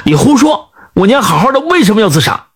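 A man's voice: sits high, huge pitch swings, quick pace, breathy edge, full character voice. A man voicing a cold, curt young son bent on revenge, in a storybook tale. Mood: shouting.

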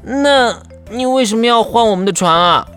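A woman's voice: on the high side, lively intonation, moderate pace, a bit bright, soft background music. A woman voicing a cheerful, plucky young male monkey hero in a children's audio story. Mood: urgent, curious.

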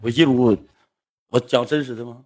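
A man's voice: mid-range voice, steady tone, a little fast. A man chatting casually as a livestream co-host, teasing and playful. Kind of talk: casual chat.

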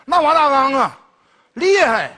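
An actor playing a stingy, loud-mouthed rural cousin visiting the city, teasing and quick-witted in a Northeast Chinese accent. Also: male voice, extremely high pitch, sing-song, in a large hall, exaggerated voice. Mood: bantering. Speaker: comedy sketch performer. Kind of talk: comedy sketch dialogue.

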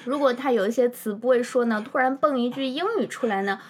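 A woman's voice: on the high side, quick pace, husky. A woman hosting a podcast in casual chat, playfully prompting her partner along. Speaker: podcast host. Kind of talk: casual chat, introducing the show.

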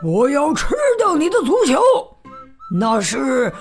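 A woman's voice: high-pitched, big pitch swings, slow pace, faint music behind, heavily acted. A woman voicing a rude, hungry male elephant who bullies and blusters in a storybook reading. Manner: gruff, bossy and loud.

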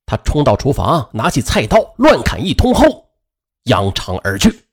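A male radio storyteller narrating a dramatized true story, speaking directly to his listeners. His voice is husky and a little breathy. His pitch rises and falls with animated swings. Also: measured pace. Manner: lively, addresses listeners directly.

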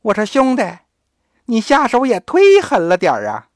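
A man's voice: extremely high pitch, huge pitch swings, normal speed, no echo, clean studio sound, voice pushed up, heavily acted. A man doing a cheeky boy with a grown man's mind. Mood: grumbling. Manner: grumbling, cheeky. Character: small boy speaking with a grown man's memory.

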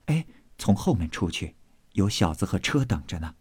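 A man reading aloud voices a composed, practical senior maid who gives steady instructions and scolds gently, in a storybook reading. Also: deep voice, normal speed, husky, no room sound, studio quality, voice pushed down, heavily acted. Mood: calm instruction.

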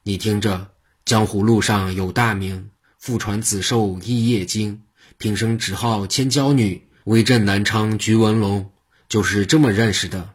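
Guy narrating as a cheeky odd monk, low husky voice, teasing and bragging. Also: fairly even intonation, a little slow. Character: eccentric, mischievous wandering monk.

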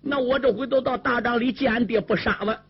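A man's voice: very high voice, fairly even intonation, brisk, breathy edge, pitched above the performer's own voice, exaggerated voice. A man doing a bold young woman general. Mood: teasing, commanding. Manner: sung-spoken storytelling delivery. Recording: lo-fi with loud drum and string accompaniment.

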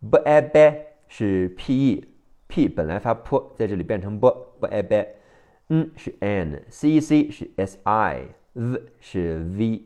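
This is a man with a Mandarin Chinese accent teaching English vocabulary by phonics. He spells each word letter by letter and repeats it over and over. His voice sits a little low but moves a lot in pitch, and he goes at a very slow, deliberate pace. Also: warm tone.

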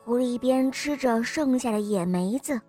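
A woman narrating a children's picture book, gentle and expressive, talking to young listeners. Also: on the high side, normal speed, soft background music. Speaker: children's storyteller. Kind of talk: storybook narration.

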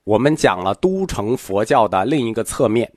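Male lecturer, animated intonation, dry close sound, speaks seated and unhurried. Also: fairly low pitch, dry recording. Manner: swings between loud-fast and soft-slow delivery; speaking seated, softer and slower today. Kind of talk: history lecture.

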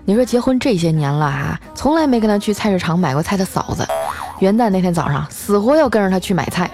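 A woman host telling a funny story in a lively, chatty way, dropping in many little filler particles. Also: mid-range voice, quick pace, music in the background. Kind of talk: comic storytelling.

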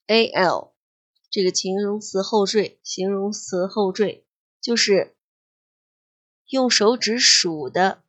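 A woman teaching an English exam lesson, explaining slowly and patiently and repeating key words. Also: medium pitch, a bit bright. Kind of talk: exam-prep grammar and vocabulary lesson.

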